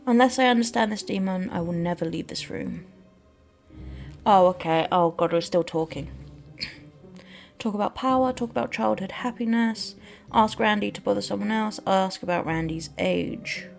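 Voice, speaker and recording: A woman's voice: medium pitch, normal speed, gravelly, faint music behind. A woman doing game playthrough commentary and reading the dialogue aloud as she plays.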